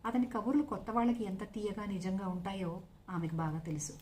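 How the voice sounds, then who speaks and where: A woman narrating a serialized novel aloud in a steady storytelling manner. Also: mid-range voice, brisk, a little hiss or hum.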